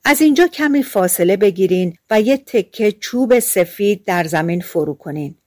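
A woman voicing a clever young male drummer in a fairy tale, talking in a brisk, lively way. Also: medium pitch, dry recording, clean studio sound, lightly acted. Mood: scolding.

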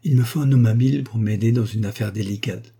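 A man's voice: lowish voice, creaky, mellow, husky. A man doing a shrewd businesslike lawyer. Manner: measured and businesslike. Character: shrewd male lawyer on a secret errand. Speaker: character in an audiobook.

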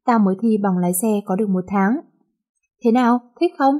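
A cocky, teasing rich young man, voiced by a woman reading a romance story. His lines come out mellow and a little breathy, playful rather than deep. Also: fairly quick, close to an everyday voice.

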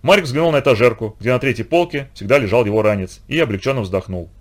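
A man narrating a children's audiobook in an expressive storytelling manner. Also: medium pitch, fast. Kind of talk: scripted narration.

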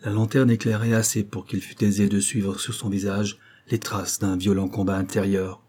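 A man narrating a novel as an audiobook in a steady, measured reading. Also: lowish voice, breathy edge.

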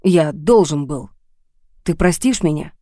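A woman's voice: low voice, expressive, mellow, no room sound, clean studio sound. A woman reading a remorseful man on the phone. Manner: apologetic, halting.

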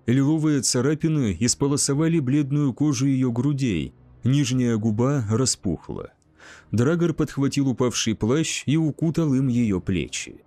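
A man reading a fantasy story aloud as narrator, in a measured, unhurried way. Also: mid-range voice, mellow. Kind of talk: scripted audiobook narration.

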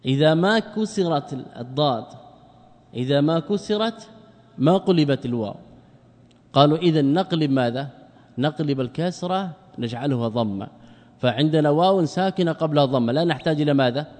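A man teaching Arabic grammar in a classroom lecture, asking rhetorical questions, answering them himself, and slowing down to spell out word forms. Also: a little high, expressive, darkish tone, in a large hall.

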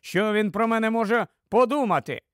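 A man's voice: sits high, a little fast, no echo, clean studio sound, pitched above the performer's own voice, lightly acted. A man playing a weary henpecked husband. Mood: defensive.

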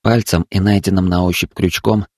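A man narrating a story in a steady, even storytelling manner. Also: low voice, normal speed, dry recording, clean studio sound. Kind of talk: audiobook narration.

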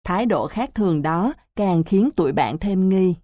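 A woman reading a children's novel aloud as a storybook narrator, in an unhurried, even reading manner. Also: on the low side, no room sound. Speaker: audiobook narrator.

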